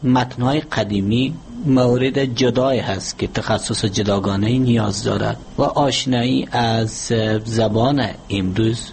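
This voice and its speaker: A man, a language expert being interviewed, explaining in a measured, lecturing way with hesitant pauses. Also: mid-range voice, fairly even intonation, creaky, darkish tone, a little hiss or hum.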